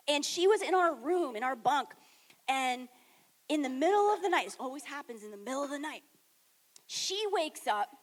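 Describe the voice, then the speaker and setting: A youth director telling funny stories on a panel, animated and laughing, acting out what others said. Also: female voice, sits high, moderate pace. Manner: animated, laughing, acts out quotes. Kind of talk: casual storytelling on a panel.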